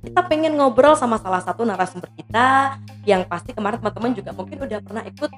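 A woman guest on a podcast chat, explaining speaking techniques in a relaxed, explanatory way and breaking into short demonstrations. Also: a little high, fast talker, faint music behind. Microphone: podcast mic.

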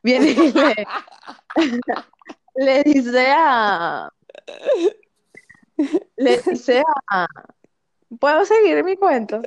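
A woman's voice: sits high, very slow, long pauses. A young woman with a Venezuelan accent, telling a story in casual chat with lots of slang and laughter. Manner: animated, laughing often, slangy.

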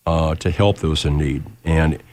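A very low-voiced American man hosts a casual radio program. He sounds nasal, still recovering from a lost voice, and talks in a halting, folksy way. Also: darkish tone. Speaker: radio show host. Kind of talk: casual live radio talk.

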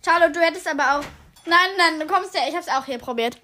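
A young woman chatting casually as a challenge co-host, dramatic and often excitedly repeating herself. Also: very high-pitched, quick pace.

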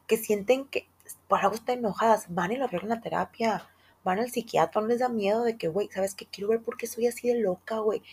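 A young woman with a Mexican Spanish accent hosting a casual podcast monologue, full of slang and emphatic asides. Her voice has a husky, breathy texture and sits at a medium pitch. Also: darkish tone. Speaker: podcast host.

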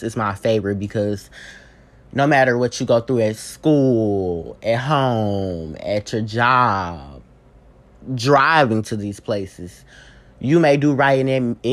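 A man giving a casual spoken book report, talking in an informal, rambling way and correcting himself as he goes. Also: mid-range voice.

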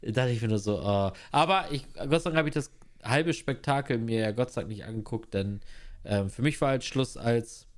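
A man's voice: mid-range voice, normal speed. A man on a casual podcast, blunt and slangy, ranting sarcastically with restarts and emphatic swearing. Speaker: podcast co-host. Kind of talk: casual chat.

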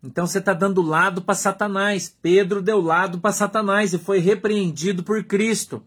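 Husky high-voiced Brazilian preacher. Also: male voice, fairly even intonation, moderate pace. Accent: Brazilian Portuguese. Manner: emphatic preaching, repeating short phrases, drops to a hush. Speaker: pastor. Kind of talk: sermon.

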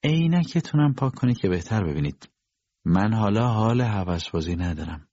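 A man's voice: lowish voice, big pitch swings, mellow, dry recording, dull audio. A man voicing a proud, capricious young woman with a scornful, teasing manner, in an audiobook reading.

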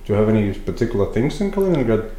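A man with a fairly low voice chats casually in a roomy, echoing space. He leads the conversation and puts questions to the others. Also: sing-song, very fast, dark tone. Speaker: conversation leader. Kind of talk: casual chat. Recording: echoey room.

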